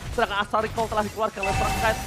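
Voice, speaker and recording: High-pitched, rapid-fire male hype announcer. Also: little pitch movement, over music. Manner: shouted hype like a fighting game announcer. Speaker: esports play-by-play commentator. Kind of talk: live esports match commentary.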